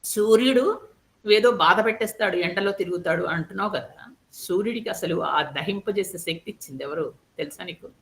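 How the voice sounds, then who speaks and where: Calm queen talking her sister-wife out of grief, earnest and persuasive, told by a woman storyteller. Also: fairly low pitch, normal speed. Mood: consoling. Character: steady queen consoling her grieving co-wife.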